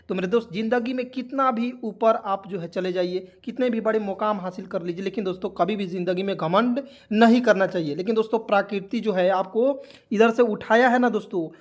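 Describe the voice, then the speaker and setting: A man giving an online English lesson, repeating points and answering his own questions, with a preachy motivational tone and frequent friendly fillers. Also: high voice. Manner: keeps saying "okay" and "friends" as fillers. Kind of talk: spoken lesson to a video audience.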